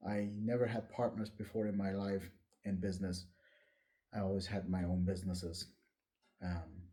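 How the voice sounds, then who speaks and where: Low-ish and warm, this vlogger's voice carries his personal story told straight to camera. He's in his late forties, speaks English as a non-native language, and comes across as candid, reflective and a bit hesitant.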